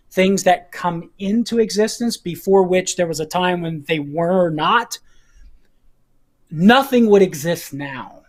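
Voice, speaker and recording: A man teaching philosophy in a measured way, repeating phrases and checking in with his listeners, with an occasional cough. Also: sits high. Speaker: guest teacher. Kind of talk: explaining philosophy to hosts.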